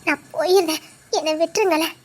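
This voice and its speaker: A woman's voice: extremely high pitch, fairly even intonation, quick pace. A woman voicing an anxious but firm young wife who scolds and worries. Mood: worried.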